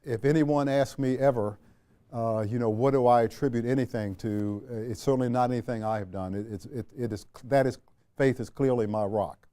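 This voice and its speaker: An older man from Washington, D.C., recalling his life in a relaxed, mellow voice. He speaks in a measured, unhurried way, circling back and restarting his sentences. His pitch sits in an ordinary middle range for a man. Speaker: interview guest, retired general. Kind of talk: reflective storytelling in a sit-down interview.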